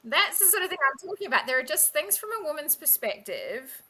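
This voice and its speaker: A woman guest, a maritime professional, chatting frankly and telling lively stories in an interview. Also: sits high, brisk. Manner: lively storyteller who acts out quoted people; frank and candid. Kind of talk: casual interview chat.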